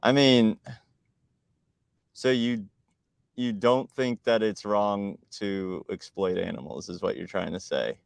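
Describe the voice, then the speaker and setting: Low-voiced man arguing on a live stream. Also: slow, vocal fry, pauses often, smooth, no echo. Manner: talkative, argumentative, laughs often, restarts words. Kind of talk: casual live stream chat.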